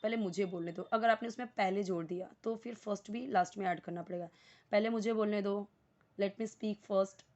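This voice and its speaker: Casting: Indian woman, English tutor, patient, drills phrases slowly, slightly dull recording. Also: medium pitch, a little mellow. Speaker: English teacher. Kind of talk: spoken English lesson in Hindi.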